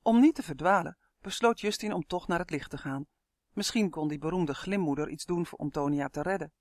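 A man narrating a fantasy children's book with an expressive reading. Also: fairly high pitch, brisk, dry recording, studio quality. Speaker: audiobook narrator. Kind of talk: scripted storybook narration.

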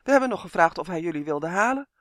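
A man's voice: high-pitched, animated, fast talker, a bit bright, no room sound, clean studio sound. A man doing an earnest young boy. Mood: explaining.

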